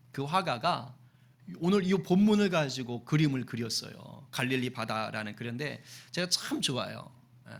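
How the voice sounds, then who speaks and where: A man, a senior pastor, preaching a Sunday sermon in a conversational and lively way, acting out voices in his storytelling. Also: medium pitch, vocal fry. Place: church sanctuary.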